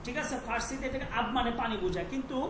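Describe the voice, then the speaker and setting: A woman's voice: on the high side, rapid-fire, echoey room, noisy background. A woman teaching Persian pronunciation in an online class, patiently repeating sounds and checking that students follow.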